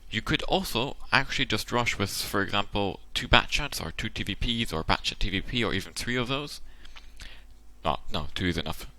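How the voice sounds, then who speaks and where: On his own channel, a man offers casual tactical commentary over a game replay, talking at length through the options and thinking out loud. His lowish voice has lively intonation and a sharp tone at a moderate pace, yet it sounds tired and worn out.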